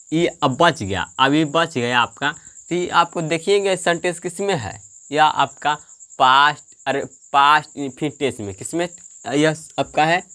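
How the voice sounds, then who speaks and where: A man's voice: on the high side, bright, forceful tone. A man teaching English grammar to a class, repeating questions and answering them himself. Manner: slow, drawn-out delivery.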